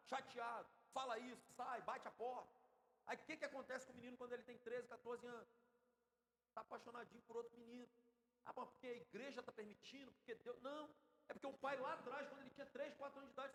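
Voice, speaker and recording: A man with a Brazilian Portuguese accent, a church elder giving an animated Sunday school sermon and acting out quoted parents, speaking off the microphone in a church hall. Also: very high voice. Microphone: speaking without the microphone. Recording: long church hall reverb, off-mic.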